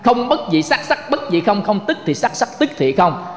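A man's voice: high voice, very animated, moderate pace. A man giving a Buddhist sermon, folksy and joking, often asking the audience for agreement. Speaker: Buddhist teacher. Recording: long hall reverb.

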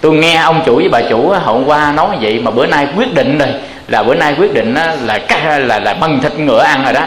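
A man's voice: a little high, fast talker, a bit bright, roomy sound, close to an everyday voice. A man voicing a sly, scheming male donkey in a folk tale, speaking in a smug, coaxing way. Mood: alarmed.

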